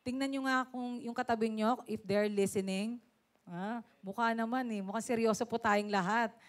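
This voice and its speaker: Animated woman preaching. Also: fairly high pitch, moderate pace. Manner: animated, laughing, calls for "Amen?" often; switches between Tagalog and English. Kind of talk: sermon.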